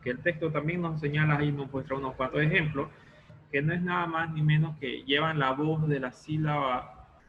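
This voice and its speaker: A man's voice: on the high side, fairly even intonation, moderate pace, phone-quality sound, a little hiss or hum. A male teacher explaining a lesson step by step in an online class, often stopping to check that students follow.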